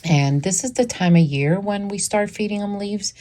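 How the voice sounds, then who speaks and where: A woman with a medium-pitched, dark-toned voice speaks at a moderate pace while hosting her worm farming channel outdoors at her worm bins. She has the hiccups and chats enthusiastically in a casual vlog style, full of fillers and repeats.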